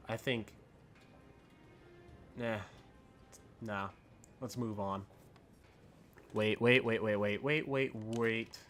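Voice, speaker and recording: A man with a fairly low voice hosts a gaming video over background music. He talks casually and without a script, rambling a little and thinking aloud as he reviews things. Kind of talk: casual unscripted gameplay commentary. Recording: music under the voice.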